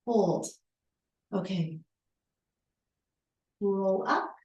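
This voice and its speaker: A woman's voice: mid-range voice, very slow, a little mellow, muffled recording. A woman leading a workout as an aerobics instructor, giving short, encouraging cues and counts, recorded in a roomy, echoing space. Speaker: fitness instructor. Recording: roomy, echoing indoor sound.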